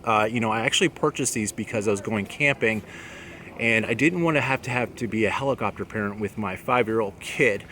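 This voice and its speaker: Outdoors among apartment buildings and trees, a man hosting an outdoor gear channel talks about products to the camera. His voice is fairly low, a little fast and sharp in tone, and his delivery is plain-spoken and conversational. There's noticeable background noise from the outdoor surroundings.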